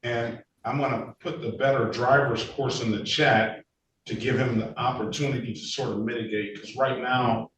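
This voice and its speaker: A male judge presides over a court hearing, speaking procedurally with frequent "uh" and "um" fillers in a mid-range, steady, slightly bright voice at a moderate pace. It's a courtroom recording picked up by a distant room mic in an indoor courtroom or judge's meeting room, so the sound is echoey with faint noise.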